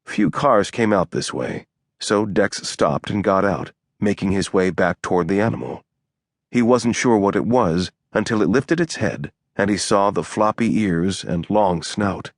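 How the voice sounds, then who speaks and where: A man narrating an audiobook in a measured, even storytelling manner on a close studio mic. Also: fairly low pitch, no echo. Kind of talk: scripted narration.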